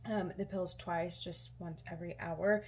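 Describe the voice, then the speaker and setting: A woman's voice: fairly low pitch, fairly even intonation, measured pace, a little hiss or hum. A woman chatting casually to camera as a vlogger, in an informal, everyday way. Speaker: running vlogger.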